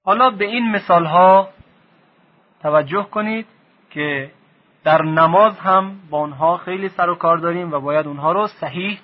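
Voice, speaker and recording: Man, teacher, Quran reading lesson, husky, muffled lo-fi recording. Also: high voice. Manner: slow, drawn-out syllables for repetition.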